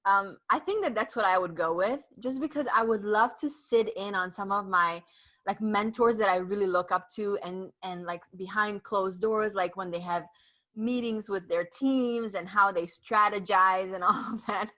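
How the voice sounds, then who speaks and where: As a guest on a casual podcast interview, this author, a Romanian woman who grew up speaking Hungarian, recounts her story sincerely and with many fillers. She speaks at normal speed in a medium-pitched, bright, forceful voice.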